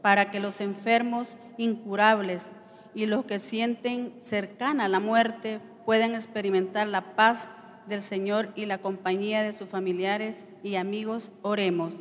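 Woman lector, solemn measured reading, long cathedral echo, faint background noise. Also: mid-range voice, level tone. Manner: measured, solemn, repetitive cadence. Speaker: lector reading petitions at Mass. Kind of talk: liturgical reading of intercessions. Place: large church.

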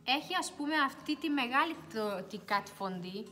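A woman's voice: sits high, expressive, soft background music. Chatty young woman on a livestream. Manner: chatty, reads viewer comments aloud, drops to quiet mutters while searching. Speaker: beauty livestream host. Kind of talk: casual livestream chat. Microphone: phone.

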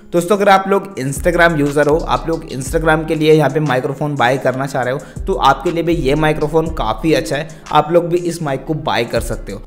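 This tech creator and host, a young man with a higher-pitched voice, vlogs product advice straight to camera and keeps speaking to his viewers as he instructs them. He's in a small, decorated room indoors, holding a wired lavalier, while music plays underneath.

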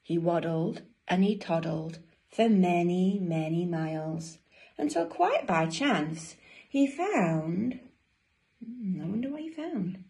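An infant school teacher reads a children's storybook aloud as a bedtime story, pausing to ask her listeners questions. Her lowish voice is slow, lively and expressive for young children, captured by a phone or tablet at least an arm's length away in a small domestic room.

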